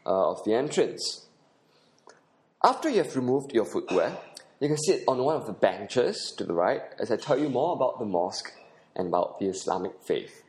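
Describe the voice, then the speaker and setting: A man with a Singaporean accent and a mid-range, darkish voice hosts a podcast, narrating an audio tour. He gives earnest instructions, dropping the occasional "uh."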